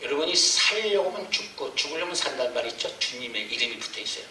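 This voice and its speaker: A man's voice: medium pitch, lively intonation, fast, bright, forceful tone, slight background noise. A man preaching a sermon, telling a personal story with strong emotion and acting out his own prayers and cries, recorded from a distance in an echoey church. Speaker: missionary preacher. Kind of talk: sermon testimony. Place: church sanctuary.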